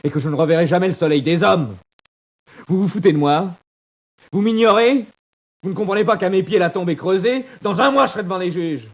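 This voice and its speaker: Doomed proud prisoner, low-ish voice, theatrical 1940s radio acting. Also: male voice, moderate pace, long pauses, darkish tone. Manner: theatrical, swinging from bitter murmurs to cries. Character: condemned male prisoner, proud and despairing.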